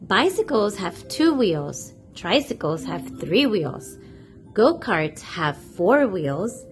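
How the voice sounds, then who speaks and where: Reading a picture book to small children, the channel's storyteller keeps a slow, measured pace and a pitch that climbs and dips with energy. She's expressive and keeps asking her young listeners questions, while music plays underneath.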